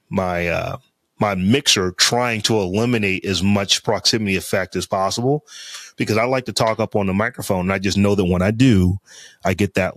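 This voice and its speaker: A deep-voiced man, a podcast co-host, chats casually and rambles loosely with lots of fillers and restarts. He's on a close studio mic through a podcast interface, with no room sound.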